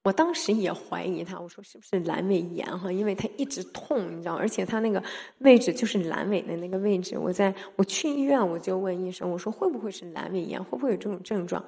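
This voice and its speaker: A woman in her thirties preaching a personal testimony, telling the story in an animated way that swings from soft talk to loud, emphatic calls. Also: medium pitch, quick pace, vocal fry. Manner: mixes in English words. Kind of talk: sermon testimony.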